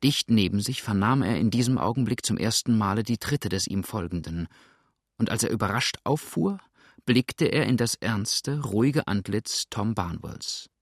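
A male narrator reads an old novel aloud in an even, deliberate way. His voice sits low and the recording is dry and close, with no room sound. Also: gravelly, no room sound. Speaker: audiobook narrator. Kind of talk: scripted narration of a classic novel.

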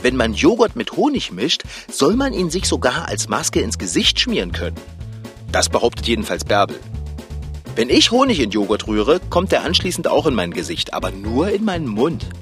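Ein Mann spielt in einem komischen Hörspiel einen jungen Mann, der am Rechner nascht und neckend, selbstgefällig redet. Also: male voice, mid-range voice, huge pitch swings, normal speed, fairly bright tone, soft background music. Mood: smug. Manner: teasing, smug. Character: teasing young man snacking at his computer. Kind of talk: comic audio play.

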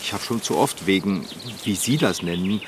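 A man's voice: sits low, normal speed, noisy background. A man playing a nervous, easily flustered bike tinkerer in a children's radio play. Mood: anxious.

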